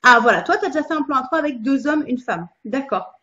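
A woman's voice: high voice, lively intonation, fast talker, pushed and bright, highs cut off. A woman interviewing people casually over a video call, rephrasing her questions to probe further.

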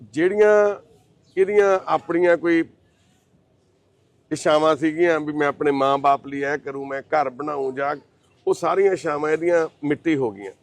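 A slightly high male voice moves at normal speed. He hosts and comforts a troubled man through casual talk, warm and reassuring, before addressing the camera with earnest pleading.

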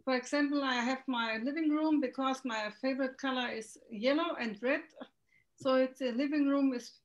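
A middle-aged woman from Germany with a German accent, a native German speaker, talking hesitantly with many pauses as a guest on a video call. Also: high voice. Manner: hesitant, searching for words with many ums. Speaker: guest, feng shui consultant. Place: home room with window. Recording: dull lo-fi video call audio.

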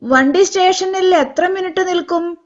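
A woman's voice: mid-range voice, very animated, measured pace, a little mellow, dull audio. A woman voicing an impatient, anxious male passenger in a hurry.

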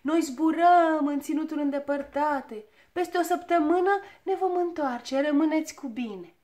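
A woman's voice: high-pitched, a bit bright, pitched above the performer's own voice. A woman voicing a know-it-all male dwarf leader who gives orders and speeches in a storybook reading. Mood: rousing.

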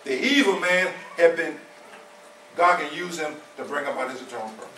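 A man in his seventies, his voice a little high and sharp, preaches an informal sermon at a normal pace, hammering his points home through conversational repetition. He's recorded by a distant camera in a small, echoey church hall, with slight background noise.

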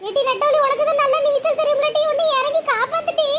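A woman's voice: extremely high pitch, steady tone, fast, heavy background noise. A woman voicing a bossy, bustling young village woman in a cartoon, hollering orders. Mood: urgent, bossy. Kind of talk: cartoon voice acting.

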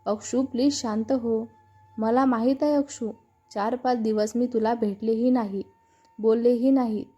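Soft pleading girlfriend, read by a woman, warm mellow tone, slightly higher pitch. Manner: soft, coaxing. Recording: dull lo-fi narration with faint music.

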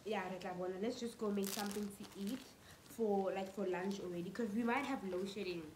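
In a casual home vlog shot on a phone at arm's length, a congested South African woman in her twenties chats briskly from her living room and bedroom. Her mid-range voice is slightly mellow with fairly even intonation, she mixes in Setswana phrases, and the rough recording carries slight background noise.

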